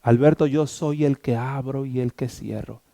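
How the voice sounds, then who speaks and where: A man voicing a calm, solemn inner voice of God in a hushed tone, with an Ecuadorian accent. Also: on the high side, moderate pace, dry recording, pitched below the performer's own voice, close to an everyday voice.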